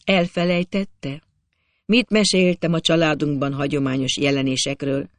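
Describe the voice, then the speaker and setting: A man playing a grave, sorrowful gentleman. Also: on the high side, flat delivery, no room sound, close to an everyday voice. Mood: solemn. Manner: quiet, measured and solemn. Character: calm, sorrowful young gentleman, grave and mysterious. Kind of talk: audiobook character voice.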